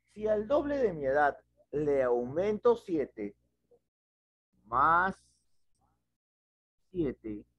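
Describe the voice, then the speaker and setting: In an online class, a patient middle-aged math teacher with a headset goes step by step through a whiteboard problem in his small home room, asking questions along the way. His voice sits high, and the dull lo-fi video call audio has no echo.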